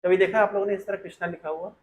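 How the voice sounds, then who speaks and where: A man's voice: high voice, fairly even intonation, very fast, reverberant, a little hiss or hum, poor audio. A man teaching a class in a casual, questioning way, coaxing students to answer.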